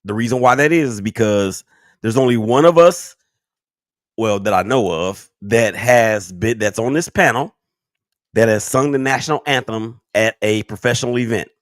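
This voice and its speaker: A man's voice: mid-range voice, normal speed, no echo, studio quality. A man co-hosting a panel chat, teasing and playful. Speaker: co-host. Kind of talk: casual chat.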